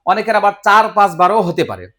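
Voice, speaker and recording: A man teaching Quran pronunciation step by step, patiently drilling each syllable again and again with drawn-out sounds. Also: high voice, very animated, pushed and bright. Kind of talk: slow step-by-step pronunciation lesson.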